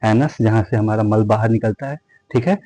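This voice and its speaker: Fast-talking man guiding a yoga class. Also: fairly low pitch, warm tone, dry recording, low-quality recording. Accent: Hindi. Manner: addresses viewers as friends repeatedly, counts breaths; reassuring, tells listeners to rest and not strain. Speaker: yoga instructor. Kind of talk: guided yoga class instruction.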